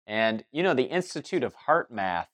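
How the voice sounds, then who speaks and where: A man's voice: mid-range voice, big pitch swings, moderate pace, fairly bright tone. A man giving a loose spoken monologue as host, restarting sentences and circling back with fillers as he talks. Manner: rambling, many restarts and fillers. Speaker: spiritual talk host.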